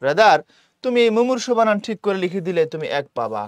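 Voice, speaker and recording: High-voiced teacher. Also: male voice, big pitch swings, fast talker, dry recording. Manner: colloquial, repeats key points and checks understanding. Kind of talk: online exam-prep lesson.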